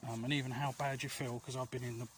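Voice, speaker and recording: This vlog host has a mid-range voice, a level tone and a fast pace. As he walks outdoor alleys, he chats loosely with viewers, offering earnest reassurance and frequently losing his thread, with clear ambient noise around him.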